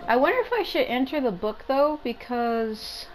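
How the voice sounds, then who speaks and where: This gaming content creator has a high voice with big pitch swings and talks at a normal speed. Her casual commentary on the game wanders, with lots of rephrasing, and the rough recording carries video game music underneath.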